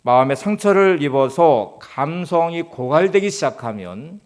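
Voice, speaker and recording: A man preaching a Sunday sermon as pastor, calm and explanatory, often posing rhetorical questions. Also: fairly high pitch, unhurried.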